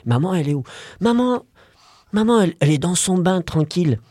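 A man improvising a bedtime story for a child at home, playful and animated with small hesitations. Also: high voice, a little fast, dry recording, studio quality. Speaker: parent telling a bedtime story.

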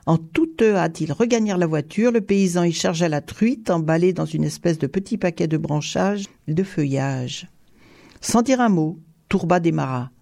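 A measured audiobook narrator telling a tale at an even pace. The voice has a gravelly grain and a mellow, dark tone, at a middle pitch. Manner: measured storytelling.

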